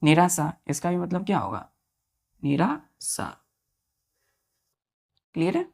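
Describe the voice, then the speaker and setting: A woman teaching English vocabulary to students, spelling each word out letter by letter, repeating meanings and often asking if it is clear. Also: on the low side, very animated, slow pace, a little mellow.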